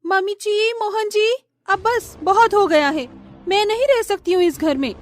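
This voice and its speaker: A woman voicing a scheming, spoiled young sister-in-law in a cartoon story, shrill and theatrical. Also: expressive, normal speed. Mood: shrill outrage.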